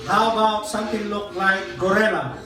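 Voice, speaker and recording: A high-pitched man bantering as sidekick and announcer at a live show. He sounds casual and playful, far from the mic in a heavily echoing space with loud music behind him. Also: steady tone, moderate pace. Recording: very echoey hall, distant mic, loud music.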